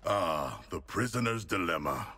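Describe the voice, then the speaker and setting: A man's voice: low-pitched, lively intonation, measured pace, bright, forceful tone, slightly rough, heavily acted. An actor voicing a huge, polite, anxious shark-man in a video game, formal and earnest in manner. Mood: matter-of-fact. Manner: formal, earnest, literal-minded. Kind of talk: video game cutscene acting.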